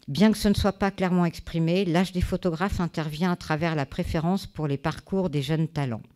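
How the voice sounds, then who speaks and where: A woman giving a conference talk, reading a prepared text in a measured way, with small fillers and restarts. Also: sits low, dark tone. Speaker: conference speaker. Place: conference hall.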